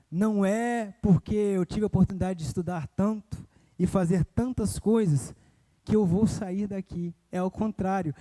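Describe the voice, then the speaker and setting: A young man preaching a sermon in church, telling a personal story and rising to loud emotional cries. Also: high voice. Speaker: evangelist preacher. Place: church sanctuary.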